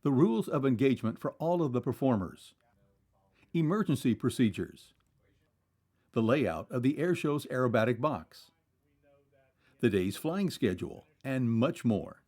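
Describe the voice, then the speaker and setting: A man's voice: mid-range voice, sing-song, measured pace, pauses often, darkish tone. A man reading scripted documentary narration in a polished, explanatory way.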